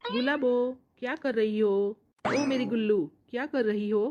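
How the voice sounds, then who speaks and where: A woman playing a lazy, good-for-nothing young husband who coaxes his angry wife and then backs off meekly. She pitches her voice far lower than her own. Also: normal speed, a little mellow, highs cut off, a little hiss or hum, close to an everyday voice. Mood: coaxing. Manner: coaxing, then meek and scared. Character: idle lazy husband, young man, easily cowed.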